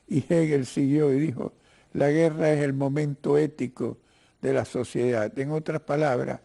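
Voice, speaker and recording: With a dark, somewhat high voice, fairly even intonation and vocal fry, this older Cuban writer and lawyer speaks Spanish with a Cuban-Argentine accent. He's a guest in a broadcast political interview, talking haltingly like a professor and repeating words as he hunts for the next.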